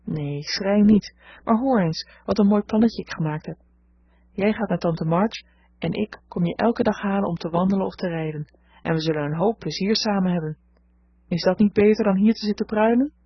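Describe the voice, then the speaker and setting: A charming teenage boy in a storybook, coaxing and persuasive, as a woman reader voices him. The voice is husky and close. The recording is dull and lo-fi. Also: mid-range voice, normal speed, no echo, close to an everyday voice.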